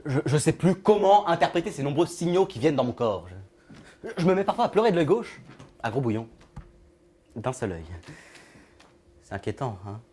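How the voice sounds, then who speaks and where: A rambling, odd loner. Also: male voice, on the high side, sing-song, warm tone, slight background noise. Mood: musing. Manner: halting, rambling, trailing off into murmurs. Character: odd lonely man with an invisible friend. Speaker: actor in a short film monologue. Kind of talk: film monologue.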